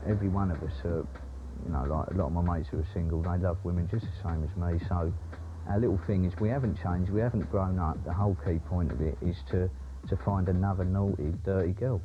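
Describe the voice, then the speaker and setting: A man's voice: sits low, quick pace, noisy background. A man in a documentary interview, boastful and blunt, swearing freely, heard off a worn VHS tape copy. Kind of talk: candid interview talk. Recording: dull worn tape copy with music behind.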